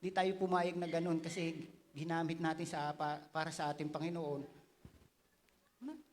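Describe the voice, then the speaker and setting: A man's voice: on the high side, little pitch movement, normal speed, a little hiss or hum. A man with a Filipino accent preaching a sermon as pastor, earnestly asking the congregation questions and acting out their excuses. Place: church hall. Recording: long hall reverb.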